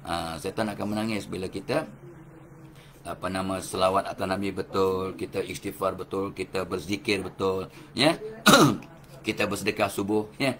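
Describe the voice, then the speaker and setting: A man's voice: low-pitched, normal speed, fairly bright tone. An older man with a Malaysian Malay accent, giving a religious motivational lecture full of rhetorical questions and chuckles. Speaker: motivational speaker.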